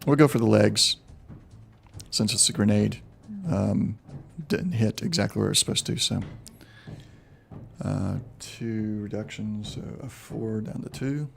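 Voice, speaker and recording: A man's voice: on the low side, gravelly. A man running a tabletop game as game master, thinking aloud with frequent ums while he checks the rules.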